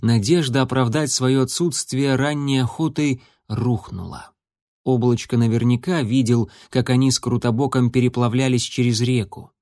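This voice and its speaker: A man's voice: mid-range voice, moderate pace, dry recording. Man narrating a storybook, dry close sound. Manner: steady, expressive reading. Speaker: audiobook narrator.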